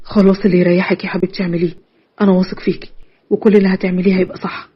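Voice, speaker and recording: A woman voicing a loving, protective aging father in Egyptian Arabic, speaking softly and reassuringly. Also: lowish voice, little pitch movement, racing, slightly rough, highs cut off, voice pushed down. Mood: tender. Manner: soft, tender, reassuring.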